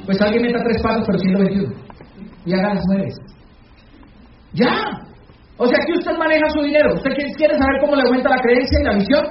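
A man giving a motivational talk to a business meeting, putting questions to the audience and acting out shouted calls. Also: extremely high pitch, fairly quick, pauses often, slight background noise. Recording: echoey, dull hall recording from far off.

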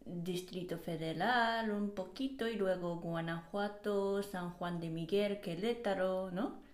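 A woman's voice: medium pitch, fairly even intonation, takes it slowly. A woman who is not a native Spanish speaker, chatting on a podcast and searching hesitantly for her words. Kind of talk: casual conversational chat. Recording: echoey room.

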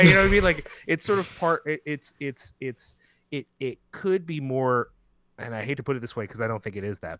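A man with a mid-range, fairly bright voice talks casually as a podcast guest in an interview, with no echo. He's informal and rambling, often correcting himself mid-sentence.

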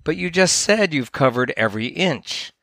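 Soft-spoken, puzzled moth in a storybook, read by a man, a little creaky and close. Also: on the high side, animated, moderate pace, dry recording, voice pushed up. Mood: gently probing. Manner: gentle, questioning. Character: curious, polite young moth.

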